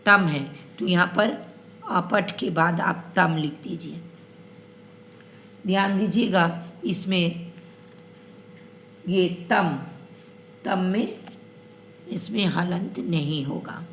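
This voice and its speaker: Slow, gravelly-voiced woman teaching grammar. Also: on the low side, a bit bright, a little hiss or hum. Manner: slow, patient, repeats each ending to drill it. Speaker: Sanskrit teacher. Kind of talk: grammar lesson for children.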